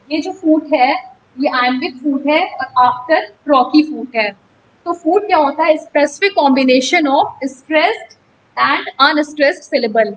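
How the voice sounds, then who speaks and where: A woman teacher with a high, bright-sounding voice gives a lecture. She talks slowly and explains each point step by step, dropping English terms into her speech. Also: low-quality recording. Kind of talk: classroom lecture.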